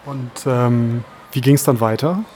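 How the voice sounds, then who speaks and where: A man's voice: medium pitch, slow, darkish tone, a little hiss or hum. Man asking short interview questions. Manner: brief questions and listening murmurs. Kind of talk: casual interview.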